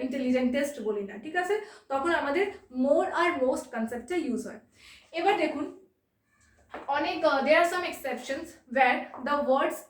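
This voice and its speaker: Woman teacher, high voice, patient and repetitive, echoey room, mic at a distance. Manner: patient, repeats points and checks in with quick questions. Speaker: exam-prep English teacher. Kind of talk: bilingual grammar lesson.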